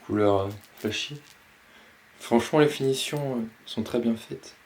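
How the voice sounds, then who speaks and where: A man casually presenting and unboxing a box of fishing lures, pausing often with fillers. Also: mid-range voice, darkish tone, slight background noise. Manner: slow, hesitant, many fillers. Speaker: fishing vlogger.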